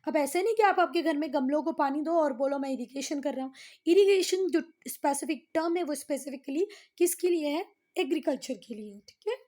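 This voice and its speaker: High-voiced Indian woman teaching a class. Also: mellow. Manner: mixes Hindi and English, asks students questions and answers them herself; reads English lines slowly and deliberately. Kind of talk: online class lesson.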